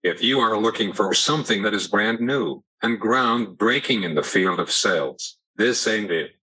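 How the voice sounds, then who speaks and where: Bright, husky synthetic male computer voice. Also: on the low side, expressive, normal speed, poor audio. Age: 70s. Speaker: podcast guest, sales trainer. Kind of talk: scripted explanation in a computer text-to-speech voice.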